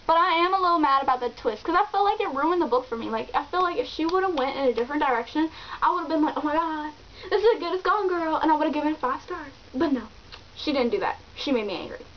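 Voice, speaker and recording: A woman with a high voice chats through her book reviews, animated and exclamatory. The recording sounds dull and lo-fi, with a faint hiss underneath. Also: fast. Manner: animated, exclamatory and chatty, with many fillers. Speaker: book vlogger. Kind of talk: casual book review chat.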